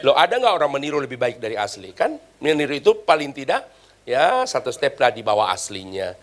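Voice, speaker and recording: A man's voice: medium pitch, sing-song, brisk. A male pastor preaching, mixing playful jokes and voice imitations with emphatic sermon passages. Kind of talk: sermon with humorous stories.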